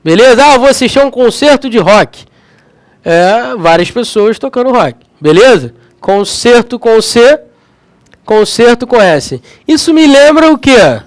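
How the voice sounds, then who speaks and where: A very high-pitched man from Rio de Janeiro, Brazil, teaches grammar at a measured pace with lively intonation and a Rio de Janeiro Portuguese accent. His lively class is chatty, with frequent check-ins with students, and the audio has no echo.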